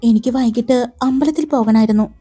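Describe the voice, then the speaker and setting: A woman's voice: fairly high pitch, fast, breathy edge, faint music behind. A woman reading the part of a shy, affectionate young college student in a romance story. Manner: shy, soft, flustered.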